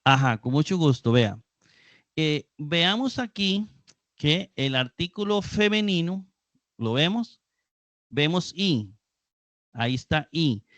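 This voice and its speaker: A man leads a live online Greek grammar class at an unhurried pace, patiently repeating key terms. His voice sits a little high and sounds dry and close to the mic. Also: lively intonation, fairly bright tone, dry recording. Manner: patient, explains slowly and repeats key words. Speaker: Greek teacher.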